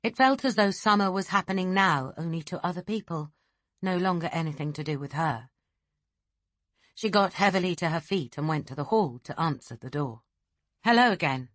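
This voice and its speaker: A woman narrating a thriller audiobook in a steady, unhurried way. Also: lowish voice, no echo. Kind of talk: scripted narration.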